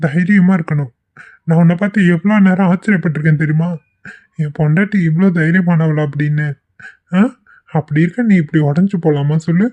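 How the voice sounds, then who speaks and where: A man voicing a gentle, coaxing young husband. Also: fairly high pitch, a little fast, lightly acted. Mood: consoling. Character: young husband, tender and pleading. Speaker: voice actor. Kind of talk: amateur cartoon voice acting. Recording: tinny phone-like recording.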